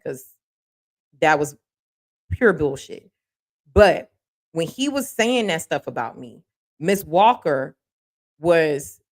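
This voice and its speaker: Blunt, candid woman telling stories. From Miami, Florida. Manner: candid and blunt, swears freely, animated rises in pitch. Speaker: podcast host. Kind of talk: casual commentary monologue.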